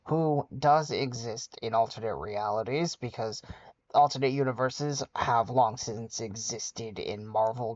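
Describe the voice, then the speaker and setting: A man's voice: mid-range voice, a little mellow, no echo, highs cut off. A man giving sarcastic, scolding reaction commentary as a video host. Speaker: commentary YouTuber.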